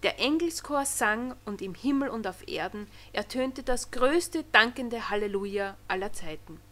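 Expressive woman reading a storybook. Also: mid-range voice, normal speed. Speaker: narrator.

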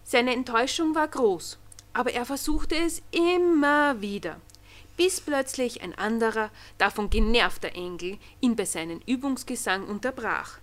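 Expressive woman reading a storybook. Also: a little high, a little slow. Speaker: narrator.

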